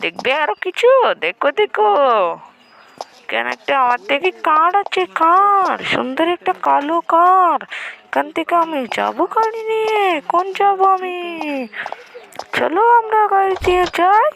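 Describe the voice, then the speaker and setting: Her voice is very high-pitched, animated and fairly bright, though creaky and a little slow. As a gamer presenting a gameplay video, she calls out each action in short, repetitive bits, over a noisy background of vehicles and sirens.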